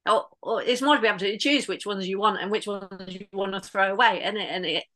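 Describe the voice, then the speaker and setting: Bright-voiced woman, earnest. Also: medium pitch, fast. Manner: earnest, reflective, many restarts. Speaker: podcast guest. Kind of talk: casual conversation.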